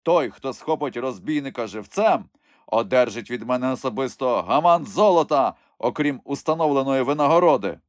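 A gloating, cruel bishop barks commands in a loud, harsh storybook voice, performed by a male narrator. He sounds domineering and quick to rage, recorded dry. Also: mid-range voice, lively intonation, no room sound, pitched above the performer's own voice, natural voice. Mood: commanding. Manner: barking orders, harsh.

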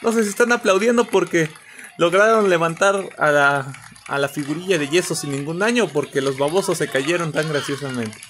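A man giving comedic reaction commentary on video clips, teasing and animated. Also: a little high, normal speed, a little hiss or hum. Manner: animated, mocking, bursts into shouts and laughter.

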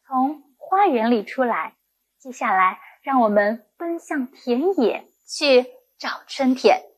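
A woman's voice: high voice, expressive, slow. A woman primary school teacher giving a recorded lesson to young children, speaking in a patient, encouraging way.

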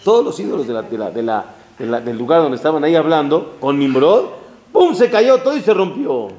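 A man, a rabbi giving a religious lesson in an animated, emphatic way, with Hebrew phrases mixed in. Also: a little high, a little fast, a little hiss or hum. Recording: roomy echo.

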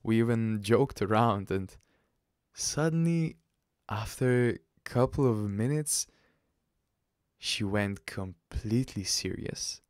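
A man hosting a podcast, telling a personal story in a halting, casual way with restarts and soft laughs. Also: on the low side, no echo, clean studio sound. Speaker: podcast host.

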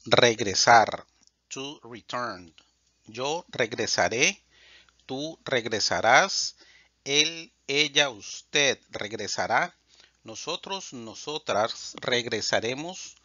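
A man teaching Spanish, reading verb conjugations aloud in a measured, drilled way. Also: mid-range voice, lively intonation, pushed and bright, dry recording. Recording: dull lo-fi dry sound.

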